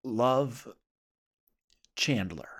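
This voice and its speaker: A man reading a poem in character as a sarcastic adult male sitcom character, rising in pitch on the refrains. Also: expressive, extremely slow. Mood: earnest.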